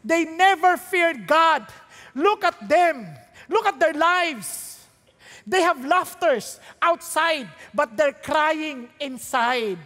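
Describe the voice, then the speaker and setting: A woman's voice: high voice, lively intonation, drawn-out words, a bit bright, big-room sound. A woman pastor preaching a sermon, throwing rhetorical questions and jokes at the congregation while mixing Tagalog and English.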